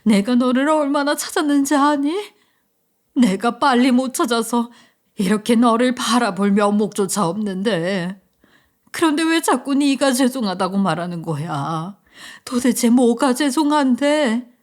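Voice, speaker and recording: A woman voicing a wealthy middle-aged mother, emotional and pleading, with loud, slow, sobbing lines. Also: a little high, close to an everyday voice. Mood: anguished.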